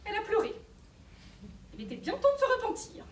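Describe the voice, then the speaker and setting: An actress playing a self-righteous, merciless religious spinster in a stage play, declaiming hammily. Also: female voice, very high-pitched, big pitch swings, fairly quick. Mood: cold, sanctimonious. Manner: hammy, declamatory stage delivery. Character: pious, self-righteous, merciless spinster preaching sin and punishment. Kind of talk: theatrical stage play acting. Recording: echoey hall from far off, faint noise.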